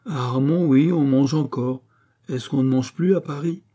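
A practical, doubting village man, as a male narrator reads him, plain-spoken and grounded. The tone is husky and mellow, in an audiobook of a classic novel. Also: medium pitch, moderate pace, muffled recording, natural voice. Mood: doubtful.

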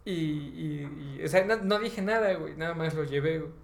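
A man with a Mexican accent tells a tabletop game session as a podcast host, slangy and rambling. His voice sits slightly high with a gravelly fry. The room gives it a noticeable echo, with faint ambience behind. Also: normal speed. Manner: slangy, filler-heavy, ends phrases with "güey"; rambling, animated retelling with bursts of laughter.

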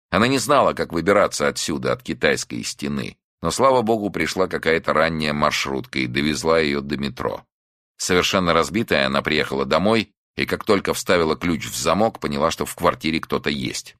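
A man narrating an audiobook in an expressive, measured storytelling manner, close to the mic. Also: a bass voice, dry recording. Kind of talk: scripted narration.

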